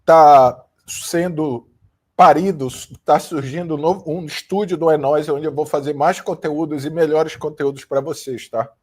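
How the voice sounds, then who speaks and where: Speaking at a normal speed with fairly even intonation, a high-voiced Brazilian man rants about a football match from his room. As a commentator and channel host, he is emphatic, repetitive, and blunt with occasional mild swearing; a fan runs nearby and a new studio is being set up.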